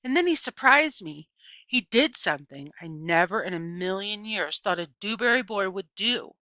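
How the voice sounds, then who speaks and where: An audiobook reader, a woman with a bright, forward, mid-range voice, narrates a storybook as a first-person storyteller, animated and at normal speed. The recording is dry and close with no echo, though it sounds slightly muffled and lo-fi.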